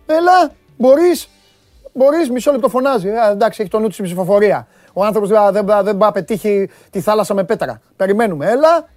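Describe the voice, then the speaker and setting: A man hosting a sports TV show, giving lively, joking commentary on amateur football clips and bantering with his studio crew. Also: high-pitched, no room sound. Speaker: sports TV host.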